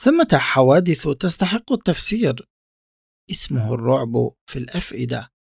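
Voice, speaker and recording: A man reading a reflective first-person literary text in a measured, contemplative way. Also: medium pitch, sing-song, vocal fry, slightly rough, dry recording, studio quality. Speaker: narrator.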